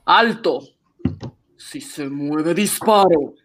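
An actor playing a suspicious, threatening police inspector in a radio drama, barking demands with gasping unease. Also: male voice, a little high, drawn-out words, fairly bright tone, heavily acted.

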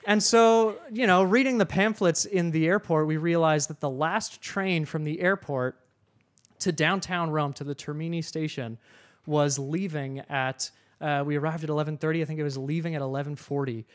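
A man hosting a podcast, telling a travel story to a live audience in an animated way, getting loud when he quotes himself. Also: fairly high pitch, normal speed. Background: audience laughter.

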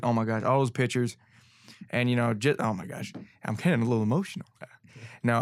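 A young man co-hosting a casual sports talk show, rambling excitedly like an emotional fan. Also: mid-range voice, vocal fry, no room sound, clean studio sound.

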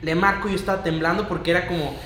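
A man's voice: high-pitched, fairly even intonation, rapid-fire, fairly bright tone, a little hiss or hum. A man in his twenties with a Mexican accent, a guest telling his story on a podcast in an eager, earnest way. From León, Mexico. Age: 20s. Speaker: podcast guest, young entrepreneur. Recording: roomy echoing room.

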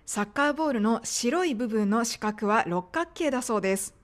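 A woman's voice: a little high, lively intonation, moderate pace. A woman teaching medical English pronunciation in a polite, explanatory podcast lesson.

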